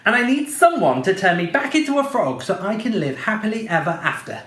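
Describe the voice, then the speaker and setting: A whiny, flustered young frog prince, voiced by a man reading aloud, pitched well above the reader's own voice. He gushes his words breathlessly, bouncing up and down in tone, in an echoey room. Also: big pitch swings, fairly quick, a bit bright.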